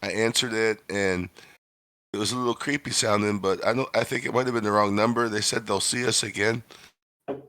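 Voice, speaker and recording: Male player, bright edge, rambles and second-guesses himself. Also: lowish voice, fairly even intonation, brisk, no room sound. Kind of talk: casual tabletop game chat.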